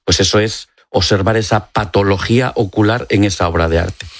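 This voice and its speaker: Low-voiced doctor from Extremadura. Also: male voice, fairly quick, no echo. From Extremadura, Spain. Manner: explanatory, with frequent fillers and restarts. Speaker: ophthalmologist guest. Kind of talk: radio interview. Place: radio studio. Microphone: studio microphone.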